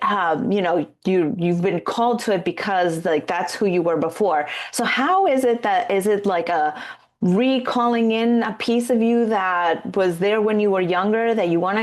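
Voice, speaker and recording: A woman hosting a podcast, asking long, rambling questions full of "like" and "um". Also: medium pitch. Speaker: podcast host. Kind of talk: podcast interview.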